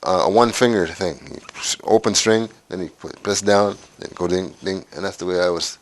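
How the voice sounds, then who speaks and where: A Canadian man in his sixties with a deep voice recounts his life story for a documentary interview. He speaks slowly and haltingly, pausing often.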